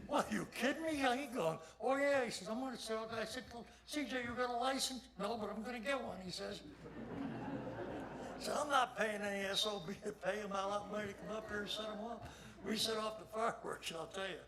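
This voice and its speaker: At an induction ceremony, an older man who has long served as a motorsports official gives a folksy, anecdotal tribute speech, with audience noise throughout the hall. His voice is a little high and a bit bright, and he's a plainspoken, salty storyteller who rambles.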